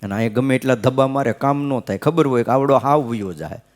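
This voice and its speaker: A man gives a devotional discourse as a swami, his voice sitting at a middle pitch. He talks in a chatty, homely way, often stopping to check in with his listeners. Now and then he slows down to chant a verse. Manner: conversational preaching, frequent "hm?" checks, sing-song verse chanting. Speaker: swami giving scripture discourse. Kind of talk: devotional katha sermon. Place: gurukul temple hall.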